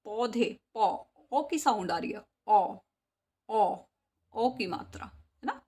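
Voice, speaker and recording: A woman teacher who sings a poem, then explains spelling slowly, repeating each word syllable by syllable. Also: mid-range voice, animated, a little mellow, slightly rough. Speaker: school teacher.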